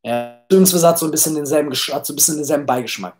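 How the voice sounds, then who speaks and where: A man's voice: on the high side, rapid-fire, darkish tone, soft background music. A man hosting a solo podcast in a casual, rambling way, blunt and brash, with frequent restarts and repeated words. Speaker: podcast host.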